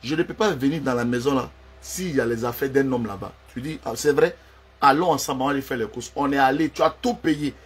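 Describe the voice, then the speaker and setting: A man's voice: mid-range voice, fast, slightly rough. A man, delivering a heated, confrontational personal rant and repeating himself for emphasis.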